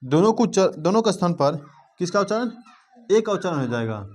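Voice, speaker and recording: A man's voice: sits high, very animated, fairly quick, a little mellow. A man teaching a grammar lesson to students, asking them questions and checking in again and again with the class.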